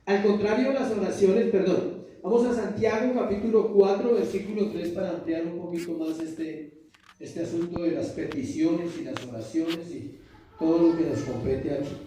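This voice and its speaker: A man's voice: high voice, normal speed, warm tone, slight background noise. A man preaching a sermon as pastor, emphatic, throwing questions to the congregation and answering them himself. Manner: emphatic call-and-response preaching. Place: church hall. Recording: echoey church hall from far off.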